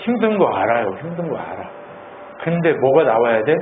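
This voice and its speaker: A male pastor preaching a sermon in an animated, conversational way, asking the congregation lots of questions. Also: mid-range voice, moderate pace. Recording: tinny phone-like sound, faint hiss.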